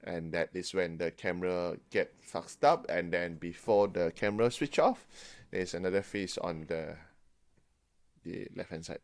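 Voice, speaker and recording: A man's voice: low voice, measured pace, gravelly. A man co-hosting a ghost-story podcast, chatting casually, dropping "lah" into his sentences and laughing at his own jokes. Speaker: podcast co-host.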